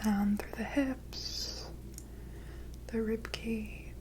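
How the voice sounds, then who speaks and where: A woman in a whispered role-play as an ASMR energy healer, with an airy, breathy whisper and a gentle, soothing, mystical manner. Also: fairly high pitch, steady tone, very slow, poor audio.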